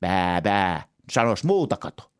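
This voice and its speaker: An actor playing an eccentric, pushy entrepreneur turned gardener, talking in a rambling sales pitch in a comedy sketch. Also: male voice, very animated, clear, resonant tone.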